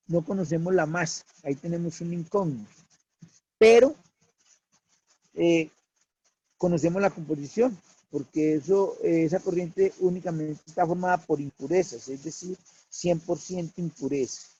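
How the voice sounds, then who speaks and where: A man teaching a worked problem as a lecture, slow and deliberate, repeating key figures. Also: on the high side, mellow, breathy edge, highs cut off.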